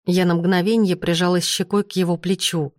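A woman narrating an audiobook in the first person, with steady, even storytelling. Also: on the low side, fairly quick, no echo, studio quality.

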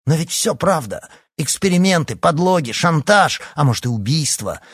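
A man voicing an enraged teenage boy yelling accusations at his father. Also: medium pitch, normal speed, husky, no echo, studio quality, lightly acted. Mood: accusing. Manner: yelling, choked with anger.

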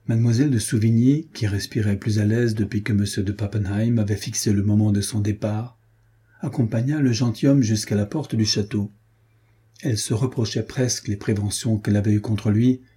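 A man narrating a classic adventure novel in a measured, literary manner. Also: on the low side, fairly even intonation, mellow, slightly rough. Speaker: audiobook narrator. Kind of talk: scripted narration.

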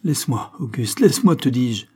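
A man's voice: medium pitch, fairly quick, dark tone, lightly acted. A man reading an audiobook, voicing a frightened, poorly dressed young woman who pleads for help. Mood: pleading. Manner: pleading, fearful.

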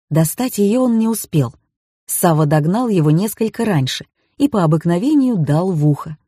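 A woman reads a first-person audiobook in an even, wry manner. Her voice is low, dark and husky, recorded close and dry. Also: no room sound. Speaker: audiobook narrator.

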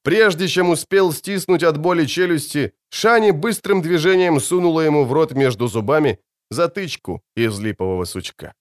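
A man narrating an audiobook in an expressive, animated way. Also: a little high, moderate pace, hardly any pauses, no echo, studio quality.

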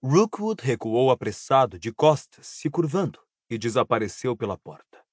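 A man narrating an audiobook in a steady, even storytelling voice. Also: medium pitch, moderate pace, slightly rough, dry recording, clean studio sound. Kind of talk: scripted narration.

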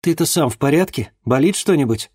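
A man voicing a brisk, energetic young woman nurse with a firm, insistent manner. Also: fairly high pitch, husky, dry recording, clean studio sound, voice pushed up.

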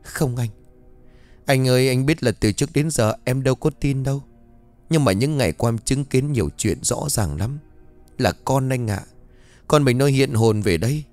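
A man's voice: medium pitch, moderate pace, darkish tone, soft background music, voice pushed up, natural voice. A man voicing a terrified weeping young mother. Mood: frightened. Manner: whimpering, begging. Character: frightened young mother, tearful and pleading.

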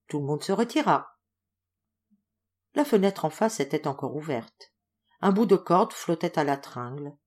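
Expressive woman reading a dark tale aloud. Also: sits low. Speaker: audiobook reader. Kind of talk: literary audiobook narration.

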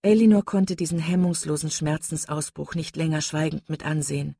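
A woman narrating an audiobook in a measured, steady reading voice, close to the mic. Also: low-pitched, vocal fry, slightly rough, no echo. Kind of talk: scripted narration.

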